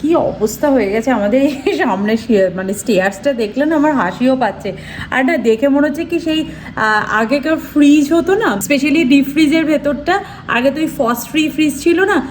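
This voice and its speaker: A woman's voice: sits high, moderate pace, a little hiss or hum. A woman in her thirties with a Bengali accent, chatting casually in a home vlog and explaining cooking tips step by step. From India. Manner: speaks softly so as not to disturb others. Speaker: vlogger.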